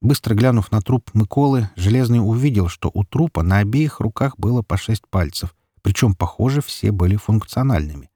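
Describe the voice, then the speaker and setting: A man reading a dark story as an audiobook narrator in a steady, even telling. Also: lowish voice, normal speed, few pauses, no room sound, clean studio sound.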